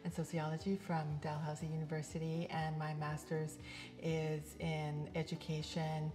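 Earnest low-voiced woman, reflective. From Canada. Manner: earnest and reflective, speaks with open hand gestures. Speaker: facilitator and coach. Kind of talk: scripted-sounding personal introduction to camera. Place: bright indoor studio set.

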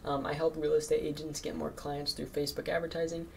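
Teen guy, kinda gravelly, nervous cold caller saying um and like a lot, faint hiss. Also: a little high, level tone, fast, a little mellow. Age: teens. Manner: nervous, lots of fillers like "um" and "like". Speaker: marketing agency owner cold calling. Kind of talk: recorded cold calls and casual commentary.

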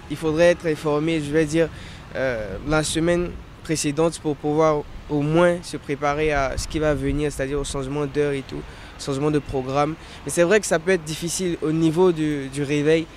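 A young man explains himself in a careful, formal way, his voice slightly high. He speaks into a handheld mic on a street with faint traffic noise. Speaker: passerby interviewee. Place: city street outdoors. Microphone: handheld reporter mic.

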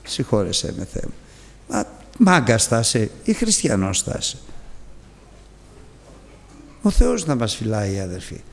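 A man preaching a sermon, pressing his listeners with pleading rhetorical questions, with a gravelly voice. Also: lowish voice, sing-song, pauses often, long reverb tail.

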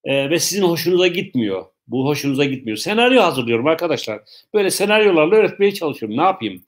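The speaker is a man giving a live online English lesson, explaining at a slow pace and repeating things as he goes. He jokes with viewers about their questions, and his voice, on the high side, is very animated.

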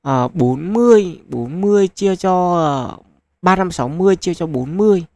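Casting: male gaming host, gravelly texture, rambling casual commentary with fillers, bursts of excitement. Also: high-pitched, moderate pace, no echo. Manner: chatty, thinks aloud with many fillers; excitable at lucky pulls. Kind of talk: casual gacha game commentary.

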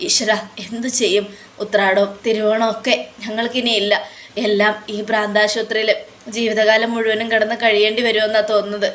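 A woman's voice: mid-range voice, flat delivery, a little fast, a bit bright, a little hiss or hum, natural voice. A woman voicing a guilty middle-aged woman who prays in anguish in a retold TV serial. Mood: despairing. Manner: anguished praying.

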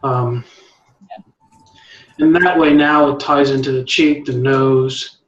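A man's voice: medium pitch, steady tone, slow pace, echoey room, muffled recording. A man leading an art meetup, giving encouraging critique and often restarting his sentences. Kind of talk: art critique, casual coaching.

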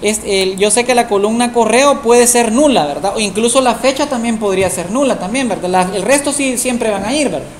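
Woman, programming teacher, slightly high voice, checks in with the class after every phrase, reverberant classroom. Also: fairly quick, few pauses. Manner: tags nearly every phrase with a questioning aside. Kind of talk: live classroom software tutorial. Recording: echoey room with faint background noise.

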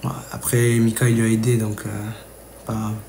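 A man's voice: lowish voice, completely flat delivery, a little fast, dark tone. A man venting to his viewers during a live gaming stream. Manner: agitated, venting, talks straight to viewers. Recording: roomy with faint noise.

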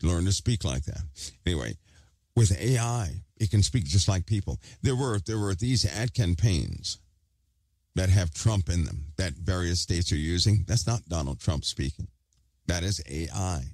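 A very low-pitched man preaches an online sermon, pressing his points with repeated phrases. He talks around a hard object held in his mouth. The recording is dry and close, with no room sound. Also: animated, measured pace, a little mellow, no room sound. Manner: emphatic, repeats phrases for stress.

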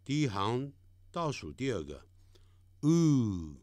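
A middle-aged man teaching English vowel sounds, speaking slowly and deliberately and drawing out each sample sound. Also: medium pitch, very animated, no echo. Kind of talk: recorded classroom lesson.

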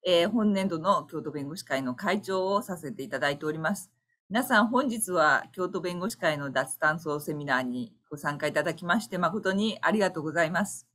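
A woman's voice: fairly low pitch, expressive, brisk, a bit bright. A woman who is a lawyer and association president, giving a formal, earnest opening address with occasional fillers at an online seminar. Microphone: online webinar audio.

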